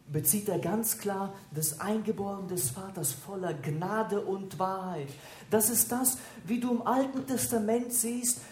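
Woman preacher going through a bible passage bit by bit, slow, roomy echo, faint noise behind. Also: medium pitch, a little mellow. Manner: explains step by step, slows down to repeat scripture. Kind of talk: expository Bible teaching. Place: church gathering with children nearby. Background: faint room noise.

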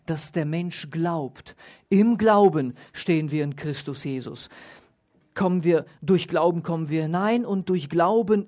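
In a Bible study talk, a teacher reads scripture aloud, unpacks its meaning, leans on individual words, and poses questions to listeners. The voice is medium-pitched and mellow.

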